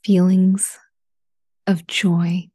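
Woman doing guided meditation, soft spa whisper, really slow n mellow, breathy. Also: lowish voice, level tone. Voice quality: breathy, hushed. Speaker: guided relaxation instructor.

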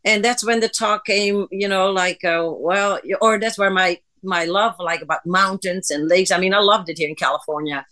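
A woman's voice: medium pitch, normal speed, hardly any pauses, pushed and bright. A woman from the Netherlands, a guest on an interview podcast, telling her story in a chatty way with fillers. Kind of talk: casual interview.

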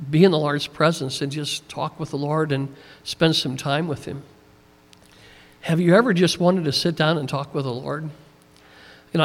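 Folksy pastor preaching in a reverberant hall. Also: male voice, on the high side. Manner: conversational, folksy, many "you know" fillers. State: tired. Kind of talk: sermon.

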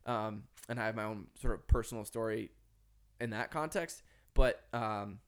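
A man's voice: fairly low pitch, moderate pace, clean tone. A man with a Minnesota accent speaking earnestly and reflectively as an author guest in a podcast conversation. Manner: earnest, philosophical, emphatic.

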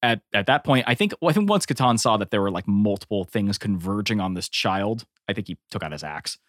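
Animated man chatting at a game table. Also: on the low side, a little fast, dry recording, studio quality. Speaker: tabletop player. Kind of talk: casual gaming chat.

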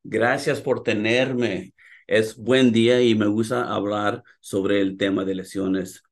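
A man's voice: lowish voice, flat delivery, slow pace. A middle-aged man from California who grew up in Houston, a chiropractor guest speaking hesitantly with many fillers. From born in California, raised in Houston. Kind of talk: radio interview in Spanish.

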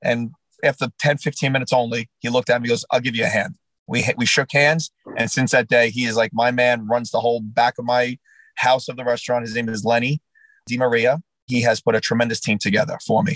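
A man with a medium-pitched voice and a New Jersey accent, a restaurant owner, tells his story in a casual interview as an animated storyteller who acts out the dialogue. The recording is dry and low in quality.

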